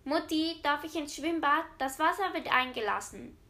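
A woman voicing a cheeky, quick-witted little schoolboy in a read-aloud joke. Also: sits high, lively intonation, bright, forceful tone, voice pushed up. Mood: pleading.

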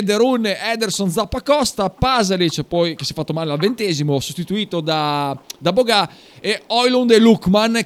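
A high-voiced male radio host, chatting about football in a jokey, laughing way. He reads team lineups off in quick runs. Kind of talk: casual sports radio chat. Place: small radio studio.

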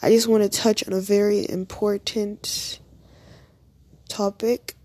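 A woman's voice: medium pitch, level tone, slow pace, a little mellow, dry recording. A young woman from Nigeria hosting a casual faith-based podcast, chatty and upbeat, with an early-morning voice, talking straight to her listeners. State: early-morning voice, just woken up. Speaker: podcast host.

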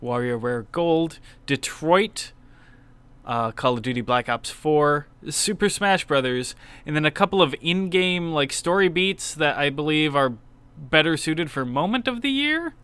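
A man's voice: on the high side, expressive, a little slow, bright, forceful tone, clear, resonant tone. A man co-hosting a casual podcast about video games. He talks candidly, with enthusiastic asides and casual swearing. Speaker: podcast co-host. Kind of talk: casual game-awards discussion.

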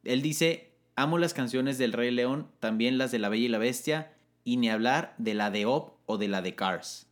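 A young man with a Mexican Spanish accent co-hosting a casual chat, reading listener comments in an upbeat way and laughing often. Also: normal speed. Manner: upbeat, laughs often, jumps pitch when excited.

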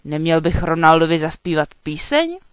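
A storyteller voicing a frightened, boastful young male knight in a children's storybook reading, stammering and shouting in panic. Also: medium pitch, sing-song, clean tone, dry recording, lightly acted. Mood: earnest.

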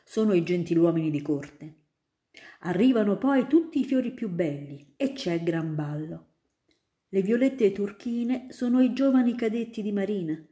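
Woman playing a kindly young student, animated storyteller, warm mellow voice, echoey room. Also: medium pitch, normal speed, close to an everyday voice. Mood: enthusiastic. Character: kindly young male student telling tales. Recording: roomy echo.

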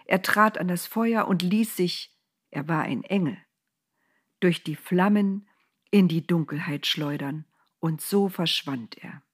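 A woman narrating a children's Bible story in a lively, playful way. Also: on the low side, takes it slowly, husky.

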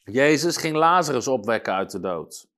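A man preaching a sermon with emphatic delivery, slowing down to read scripture and rising to loud exclamations. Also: mid-range voice, expressive. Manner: reads scripture slowly and deliberately.

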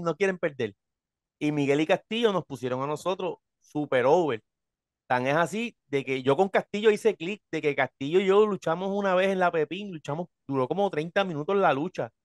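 Lively man telling stories. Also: on the high side, no echo, studio quality. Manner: animated storyteller, acts out voices, says brother. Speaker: professional wrestler. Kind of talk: casual chat, storytelling.

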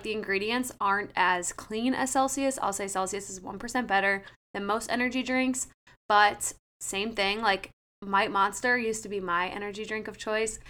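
A woman in her late twenties, a personal trainer co-hosting a casual podcast, talks in a chatty way and fills her speech with "like." Her medium-pitched voice sounds bright and forceful.

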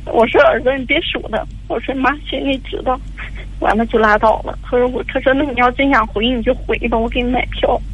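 A woman's voice: on the high side, fairly even intonation, a little fast, slightly rough. An older woman, calling in to an advice radio show and telling a long, tearful story with many fillers. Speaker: caller. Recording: dull lo-fi phone line.

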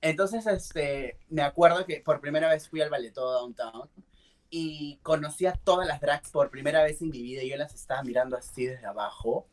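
A man, a drag performer, telling his own story in a casual interview with a lively, playful delivery. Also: fairly high pitch, normal speed. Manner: lively and playful, acts out quoted voices, laughs often. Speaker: drag queen guest.

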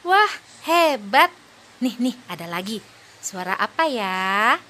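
A woman's voice: on the high side, big pitch swings, sharp tone, heavily acted. A woman playing a cheerful young mother in a scripted children's audio play, patiently praising and encouraging her two little daughters. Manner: patient, praising, speaks slowly for small children.

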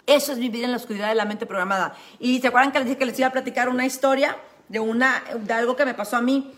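A woman's voice: a little high, quick pace, fairly bright tone. A woman with a Mexican accent giving an emphatic motivational talk, telling a personal story with many fillers and repetitions. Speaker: motivational speaker.

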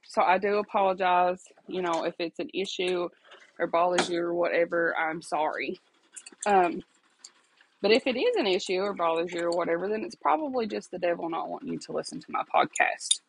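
Her voice is on the low side and fairly quick, captured in a low-quality recording with slight background noise. Alone at home, she hosts an easygoing faith podcast, chatting, apologizing, laughing often, tossing in "okay?", and sounding congested and sniffly.

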